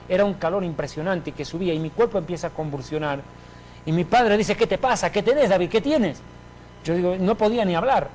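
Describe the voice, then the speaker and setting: A man giving a personal religious testimony in an emphatic, animated storytelling manner. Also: a little high, a little hiss or hum, low-quality recording.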